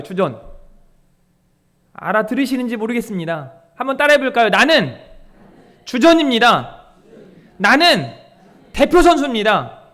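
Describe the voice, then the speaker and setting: A man preaching a Sunday sermon as pastor, in a voice that sits very high for a man. He talks straight to his congregation, and his pitch rises and falls a great deal. He often slips into acted voices for the people in his stories. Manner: lively preaching that acts out quoted voices of congregants and the Lord.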